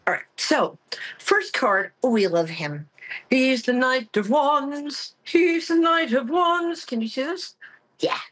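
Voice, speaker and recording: A woman hosting a psychic tarot show in a campy, theatrical, self-mocking way, chatting comically and casually with a husky voice. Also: fairly low pitch, low-quality recording. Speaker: psychic tarot reader and call-in show host. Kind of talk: casual, comic monologue to listeners.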